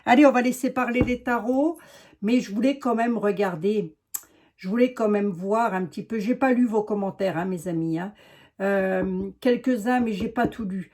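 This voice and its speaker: A woman's voice: mid-range voice, normal speed, darkish tone. An older woman with a Lorraine accent, a tarot reader chatting casually to her viewers in a rambling way, full of asides. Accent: Lorraine French.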